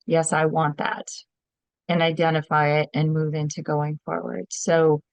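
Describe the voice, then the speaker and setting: A woman coach talks in a low, steady voice that barely rises or falls. She speaks slowly and earnestly, in motivational lists, and the recording is dry and close. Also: vocal fry, smooth, no echo, rough recording. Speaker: workshop leader and coach. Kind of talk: interview guest answering at length.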